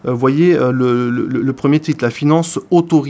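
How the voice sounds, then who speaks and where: A man's voice: medium pitch, fairly quick, mellow, a little hiss or hum. A man giving a radio book review in speech, hesitant, full of fillers and repeated words. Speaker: radio columnist.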